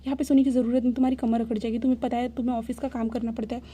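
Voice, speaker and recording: A woman's voice: a little high, level tone, rapid-fire, dark tone, husky. A woman voicing an insistent young husband in a retold fanfiction story, speaking plainly in a bossy tone. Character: young man, impatient stubborn husband.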